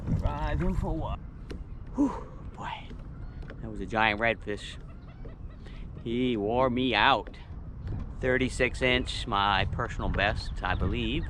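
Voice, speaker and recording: A man giving excited running commentary while fishing outdoors from a kayak, exclaiming and repeating short phrases. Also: mid-range voice, takes it slowly, pauses often. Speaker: fishing vlogger. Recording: noisy outdoor water and kayak ambience. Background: water and outdoor noise.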